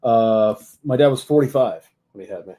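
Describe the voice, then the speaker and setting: Mellow-voiced man in his thirties. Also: lowish voice, brisk. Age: 30s. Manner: hesitant, filler-heavy, laughing asides. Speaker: podcast co-host. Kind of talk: casual sports chat.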